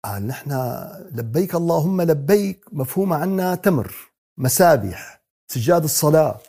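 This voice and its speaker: A man teaching Quran commentary. He asks the audience questions, answers them himself, and addresses the listeners warmly. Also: fairly high pitch, very animated, moderate pace, slightly rough. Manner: talks to the audience as "beloved ones" in a warm teaching tone.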